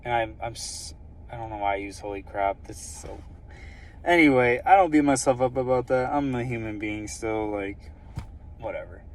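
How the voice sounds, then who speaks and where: A man's voice: medium pitch, moderate pace. A young man casually telling a personal story in an earnest, rambling way, full of "like" and "um" fillers. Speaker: vlogger sharing a personal story.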